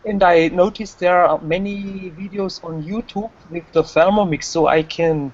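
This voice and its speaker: A man learning English who talks in a halting way and searches for words while telling a story. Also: high-pitched, steady tone, highs cut off. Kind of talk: casual class chat.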